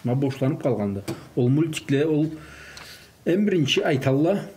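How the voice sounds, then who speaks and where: A man whose native language is Karachay-Balkar takes part in an informal religious discussion about raising children, mixing in Russian words and phrases. His voice is a little high and mellow, with lively intonation and a moderate pace, plus slight hiss or hum.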